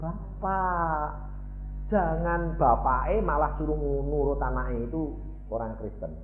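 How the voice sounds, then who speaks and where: A man's voice: a little high, slow pace, soft background music. A man around eighty with a Javanese accent preaching a sermon, teasing his congregation with rhetorical questions. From Central Java, Indonesia. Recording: tinny phone-like sound in an echoey hall.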